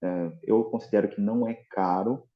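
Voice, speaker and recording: A man's voice: on the low side, steady tone, normal speed, highs cut off. A Brazilian man with a Brazilian Portuguese accent, a guest in a casual interview, explaining at length with many restarts and fillers.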